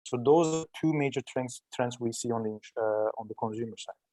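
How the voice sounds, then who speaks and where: A startup entrepreneur from Turkey, a native Turkish speaker with a Turkish accent, gives conversational, explanatory interview answers and often rephrases himself. His medium-pitched, dark voice moves a little fast. The recording is dry.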